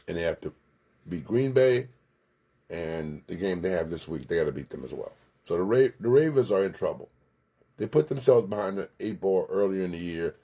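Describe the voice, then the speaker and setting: Low-pitched and warm with a breathy edge, this man hosts a local sports recap as casual live commentary. He keeps it chatty, doesn't hold back his opinions, and calls out viewers by name.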